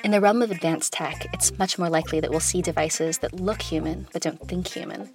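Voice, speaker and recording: Woman podcast host, lowish voice, scripted opinion narration, smooth composed delivery, wry asides, faint music behind. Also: fairly even intonation, fairly quick.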